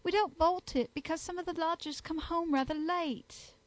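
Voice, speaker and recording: A woman's voice: extremely high pitch, no echo, voice pushed up. A woman reading an audiobook, voicing a distraught landlady who sobs and stammers through her answers. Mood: sobbing. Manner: tearful, halting. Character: distraught older landlady, sobbing.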